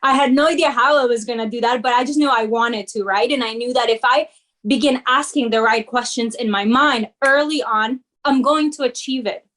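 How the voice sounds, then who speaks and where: A young woman from Peru, a native Spanish speaker, talking as an interview guest in an energetic and determined way. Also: a little high, a little fast. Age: young adult. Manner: energetic, determined, with frequent fillers and restarts. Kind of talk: casual interview talk.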